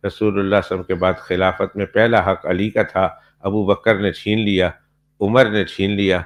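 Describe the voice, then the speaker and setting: A male Islamic cleric telling a story in a sermon, emphatic and full of repeated rhetorical questions. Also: lowish voice.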